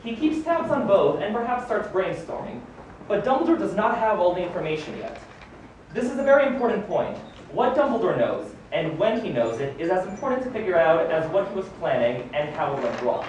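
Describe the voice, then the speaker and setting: Brisk and sing-song, with a natural, darkish medium-pitched voice, a performer in the role of a wizard headmaster reads aloud from his own biography to a gathered audience. He's theatrical, dropping wry, amused asides. The book launch is captured from afar in a noisy room full of echo.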